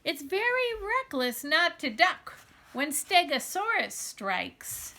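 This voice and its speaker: Reading a children's picture book out loud, a very high-pitched woman gives the story an expressive, deliberate, emphatic delivery.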